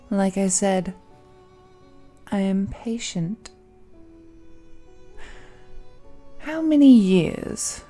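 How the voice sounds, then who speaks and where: A woman with a mid-range voice performs an intimate monologue as an ancient supernatural villainess in a romantic villain audio roleplay. Possessive, seductive and smugly patient as a captor, she speaks in a languid, mellow, coaxing and condescending way, dotting her words with hums and sighs.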